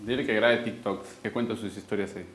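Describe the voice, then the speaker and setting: A man throws in quick, dry remarks from off the mic in a low voice. Music plays clearly behind him. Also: fairly even intonation. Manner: dry, quick side comments.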